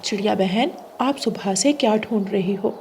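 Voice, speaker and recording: A woman's voice: mid-range voice, normal speed, darkish tone, slight background noise, natural voice. A woman doing a confident bulbul friend. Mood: reassuring. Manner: reassuring, confident. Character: knowing, helpful female bulbul bird friend.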